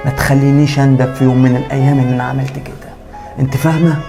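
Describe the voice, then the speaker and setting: A man's voice: medium pitch, little pitch movement, racing, creaky, music in the background, close to an everyday voice. Man playing a torn, hot-tempered Egyptian husband. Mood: confronting. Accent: Egyptian Arabic. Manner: earnest and confrontational. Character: torn husband and son, young man, quick to anger. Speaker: actor in a web drama.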